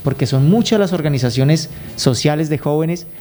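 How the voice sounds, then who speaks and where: A Colombian man raised in Guaviare, working as a youth program consultant, answers interview questions as a radio guest. He is earnest and conversational, now and then searching for words. His voice is a little high with a dark tone, at a moderate pace.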